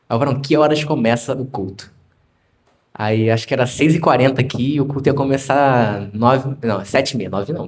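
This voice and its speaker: Young Rio preacher telling stories. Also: male voice, mid-range voice, darkish tone. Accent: Rio de Janeiro Portuguese. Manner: conversational, acts out dialogue with shifting voices. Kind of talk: sermon with storytelling. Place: church.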